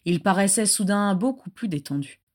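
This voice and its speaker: A woman narrating a story aloud with a lively, expressive reading. Her voice sits at an ordinary middle pitch for a woman. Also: moderate pace. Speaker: audiobook narrator.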